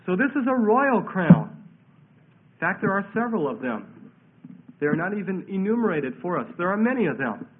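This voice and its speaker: A male preacher with a notably high, congested voice, as if he has a head cold, comes through a thin, narrow, radio-like band. He works through scripture verse by verse in an emphatic, declamatory style, repeating key phrases. His delivery is sing-song, fairly quick and a little breathy.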